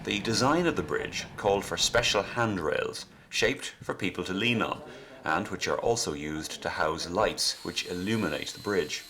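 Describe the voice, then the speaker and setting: A man's voice: sits low, expressive, moderate pace, pushed and bright. A man reading scripted documentary narration. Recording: clear background noise.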